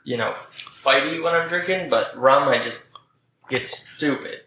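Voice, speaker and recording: Halting man in a roomy, noisy room. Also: a little high, bright, forceful tone. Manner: halting, filler-heavy, self-mocking. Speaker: podcast guest. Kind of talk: casual chat.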